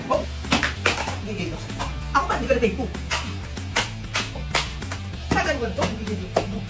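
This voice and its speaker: A woman performing comedic skits with loud, teasing, exaggerated banter. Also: a little high, animated, brisk, reverberant. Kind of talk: comedic skits with several characters. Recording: music playing behind.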